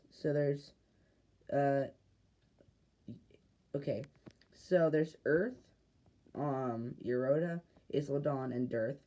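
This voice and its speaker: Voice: mid-range voice, warm tone. A speaker casually narrating a homemade sci-fi short, hesitant and rambling with lots of fillers and restarts.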